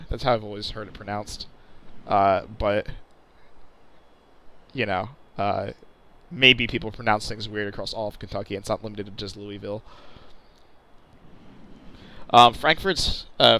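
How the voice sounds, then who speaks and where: A man's voice: fairly low pitch, sharp tone, slight background noise. A man giving casual, chatty commentary over flight-sim gameplay, stumbling and correcting himself with jokey asides. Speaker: channel host.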